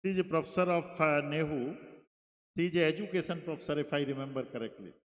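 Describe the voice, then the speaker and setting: A middle-aged man with an Indian English accent, chairing a conference session and introducing speakers formally, with halting speech and many fillers. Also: fairly high pitch. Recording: muffled echoey hall PA.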